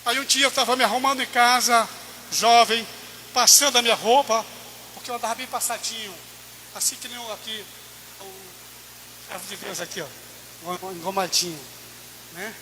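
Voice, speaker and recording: A man's voice: extremely high pitch, steady tone, moderate pace, long pauses, slight background noise. A man preaching in church, telling his own testimony with impassioned, rising delivery. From Brazil. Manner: impassioned, rising to near-shouted peaks. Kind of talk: sermon testimony.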